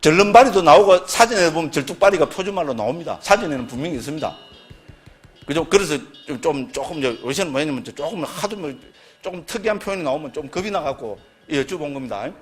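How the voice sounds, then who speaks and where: A man's voice: a little high, animated, fast, faint music behind. Chatty man lecturing. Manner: chatty, keeps asking listeners for agreement. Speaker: Buddhist scripture lecturer. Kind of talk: casual explanatory lecture.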